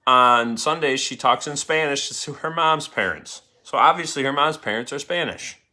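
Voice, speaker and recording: A man's voice: medium pitch, moderate pace, pushed and bright. A man teaching a class, reading a story aloud and urging students by name to keep up. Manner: coaxing students to keep up, calling names.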